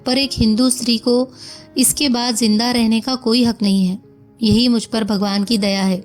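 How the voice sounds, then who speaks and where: A woman voicing a gentle, forgiving young wife on her deathbed, speaking softly and wearily in a storybook reading. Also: a little high, steady tone, moderate pace, faint music behind, close to an everyday voice. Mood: weary, resigned. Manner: soft, weary, resigned.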